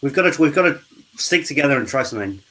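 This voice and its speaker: A man's voice: mid-range voice, lively intonation, fast talker, sharp tone, slight background noise, rough recording. A man hosting a charity live stream, chatting and teasing his guests on a video call. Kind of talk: casual group chat.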